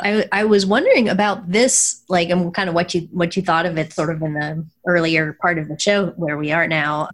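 Chatty woman with a lowish voice. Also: a bit bright. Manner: chatty, laughs often, many fillers. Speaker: podcast co-host. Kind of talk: casual fan discussion.

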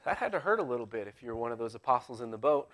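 Preaching a live sermon in a church sanctuary, a man with a mid-range, very animated voice talks very fast and conversationally. He throws in wry asides and swings between loud emphasis and hushed tones.

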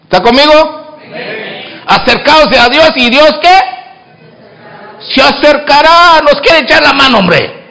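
Animated high-pitched male pastor preaching. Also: slow, pauses often. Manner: swings from hushed asides to loud exclamations; acts out both sides of dialogues within his preaching. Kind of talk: sermon.

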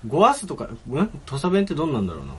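A man's voice: fairly high pitch, huge pitch swings, very fast, slight background noise. A young man co-hosting a casual radio chat, trading teasing banter with his partner. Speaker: podcast co-host.

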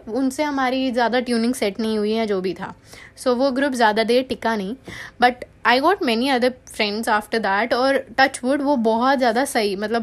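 A young woman telling stories about her college days in a chatty, casual vlog, switching freely between English and Hindi. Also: on the high side. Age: young adult. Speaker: college student vlogger.

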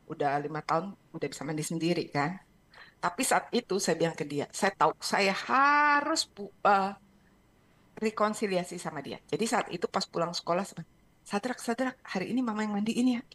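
Middle-aged woman coach on a radio show; animated storyteller who code-switches into English. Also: fairly low pitch, slightly rough. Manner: lively storytelling, sprinkles English phrases. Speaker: parenting and emotion coach, guest. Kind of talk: radio talk show interview.

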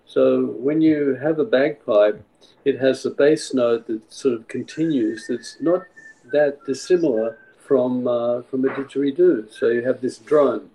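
A man's voice: medium pitch, measured pace, mellow, slight background noise, rough recording. A man from the Czech Republic, a songwriter guest explaining his music in a thoughtful, rambling way. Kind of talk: casual interview.

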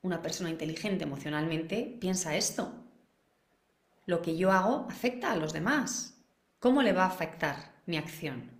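A woman's voice: on the low side, animated, normal speed, reverberant. A woman leading a live class for parents, talking practically and posing questions to the viewers. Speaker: parenting educator.

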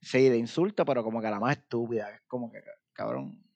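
A man's voice: mid-range voice, brisk, gravelly, darkish tone, dry recording, lo-fi sound. A man with a Puerto Rican accent, co-hosting a podcast in casual, profane banter full of laughter. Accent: Puerto Rican Spanish. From Puerto Rico. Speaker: podcast co-host. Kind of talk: casual chat.

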